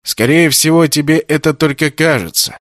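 A man's voice: on the high side, fairly bright tone, dry recording, clean studio sound, voice pushed up, close to an everyday voice. A man voicing a teasing, cryptic shapeshifting being. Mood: riddling. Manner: teasing, riddling, unhurried.

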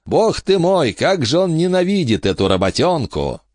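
A man voicing a hearty, loud, bear-like male dwarf king in a storybook reading. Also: fairly high pitch, sing-song, normal speed, dry recording, studio quality, voice pushed up.

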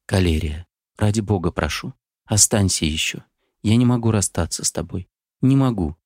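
A man's voice: low voice, expressive, normal speed, a little mellow, no echo, clean studio sound. A man reading an audiobook, voicing a passionate, desperate young man who pleads with feeling. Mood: pleading. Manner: pleading, impassioned.

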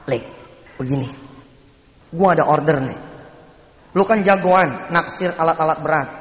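A blunt, pushy old friend, put on by a preacher coaxes in Jakarta Betawi slang, his voice dropping low. A long hall reverb hangs behind every word. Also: measured pace, natural voice. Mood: coaxing. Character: brash old male friend, pushy business partner.

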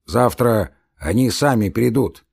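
A man voicing a gruff, stubborn male hospital guard who scolds curtly and loudly. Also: on the low side, expressive, takes it slowly, full character voice. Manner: curt, scolding, loud.

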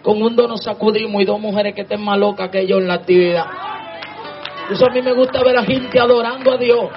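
Fervent shouting woman preacher. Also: medium pitch, fairly even intonation, fairly quick. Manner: impassioned, often shouting. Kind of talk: fervent sermon. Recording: dull lo-fi sermon recording with music. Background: music playing.

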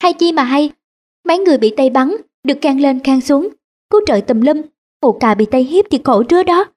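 A woman voicing a sharp-tongued young village wife, scolding and indignant. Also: high-pitched, lively intonation, fairly quick.

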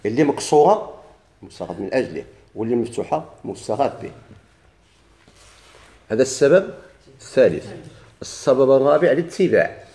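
A man with a Moroccan accent gives a grammar lesson in a dark, mellow voice. He poses a question, answers it himself, then drives the point home by repeating it. His pitch sits in an ordinary middle range. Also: very animated, a little fast, long pauses. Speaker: teacher.

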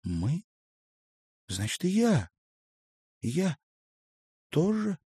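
A man's voice: on the high side, wildly swooping pitch, drawn-out words, warm tone, breathy edge, no room sound, pitched above the performer's own voice, full character voice. Man voicing a tearful young factory girl. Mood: excited. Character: young woman new factory worker, tearful and eager.

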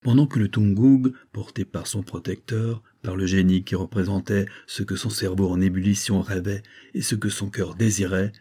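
A man reading an adventure novel aloud as an audiobook narrator, measured and dramatic. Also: lowish voice, steady tone, mellow, breathy edge.

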